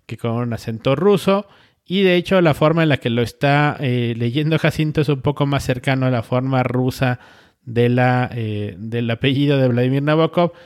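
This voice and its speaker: Rambling man hosting a podcast. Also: mid-range voice. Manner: rambling, with many filler sounds and restarts. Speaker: podcast host. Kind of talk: casual podcast talk.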